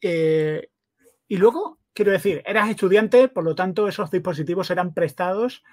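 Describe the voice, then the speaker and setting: A man's voice: sits high, moderate pace, dry recording, clean studio sound. A man with a Spain accent hosting a podcast, chatty and enthusiastic, asking long questions. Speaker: podcast host. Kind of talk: casual interview chat.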